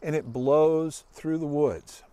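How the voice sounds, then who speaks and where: A middle-aged man with a slightly high, dark, smooth voice speaks slowly, with no room sound. As a search dog handler and guest presenter in a grassy forest clearing, he demonstrates for children in a folksy, casual way, explaining and asking questions.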